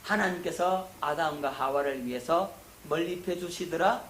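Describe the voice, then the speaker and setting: A middle-aged man preaching a sermon lecture as a pastor, who asks the congregation questions and answers them himself, getting higher and louder on key points. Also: moderate pace. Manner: rises in pitch and volume on emphasis. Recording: echoey room.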